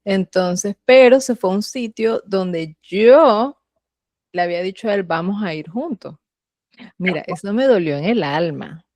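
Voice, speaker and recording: Woman host, mid pitch, casual storyteller, dry close recording. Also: unhurried, darkish tone, dry recording. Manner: candid, self-mocking anecdotes. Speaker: podcast host.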